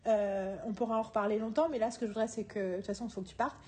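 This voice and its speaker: A woman co-hosting a casual podcast chat who laughs often and talks in a lively, quick way. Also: fairly high pitch. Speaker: podcast co-host and screenwriting teacher.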